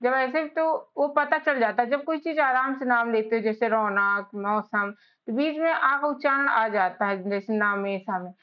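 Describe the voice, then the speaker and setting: A woman teaching a spelling lesson, spelling out letters one by one in a slow, patient way. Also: on the high side, clean tone. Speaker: English teacher. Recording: slightly dull lo-fi recording.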